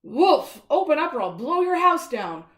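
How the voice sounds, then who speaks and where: A woman voicing a hungry, somewhat bad male wolf who makes loud, blustering demands. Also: high voice, very animated, normal speed, pitched above the performer's own voice. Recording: echoey room.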